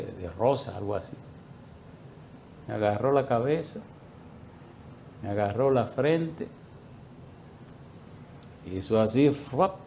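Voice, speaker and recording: Male preacher, mid-pitched, dramatic storyteller who swings between hushed asides and loud outbursts. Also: a little hiss or hum. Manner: dramatic storytelling, acting out his own prayers with sudden loud outbursts. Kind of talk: sermon storytelling.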